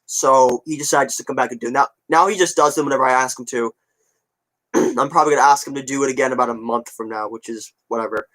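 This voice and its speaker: A twenty-year-old video creator chats casually with his viewers, answering comments and rambling offhandedly with plenty of repetition. His voice is medium-pitched, fast and fairly bright, and the audio quality is poor.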